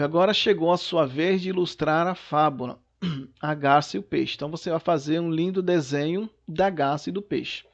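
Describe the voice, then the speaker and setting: Gravelly teacher man explaining a lesson. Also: on the high side, highs cut off. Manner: patient explaining with frequent "né" and "tá". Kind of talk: recorded remote class lesson. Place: home.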